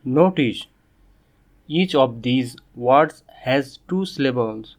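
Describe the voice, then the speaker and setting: A man, a Bengali speaker, leads an English lesson at a very slow, drilled pace. He says each word, spells it letter by letter, and repeats it for learners. His voice sits at an ordinary middle pitch. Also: expressive. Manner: spells words out letter by letter and repeats them slowly. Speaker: English teacher.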